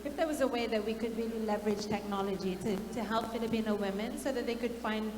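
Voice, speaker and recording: A woman's voice: on the high side, fast, a little mellow. A woman startup founder from the United Kingdom, sharing a personal story on a conference panel. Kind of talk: panel talk. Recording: echoey, reverberant event hall.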